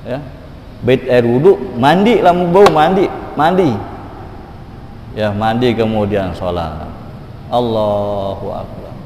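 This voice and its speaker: A man giving an emotive sermon, swinging between loud exhortation and hushed pleading. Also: mid-range voice, animated, slow, pauses often, slight background noise. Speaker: preacher. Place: mosque hall. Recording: roomy echoing hall, faint ambience.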